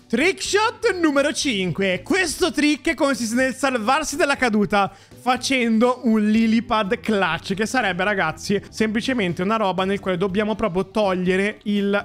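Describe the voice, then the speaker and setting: A man with a high voice commentates his own gameplay in a casual, excitable way, addressing his viewers directly. He jumps into shouts and cheers when something works. Faint music plays under his voice. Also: moderate pace, hardly any pauses. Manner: addresses viewers as raga and ragazzi. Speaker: gaming YouTuber.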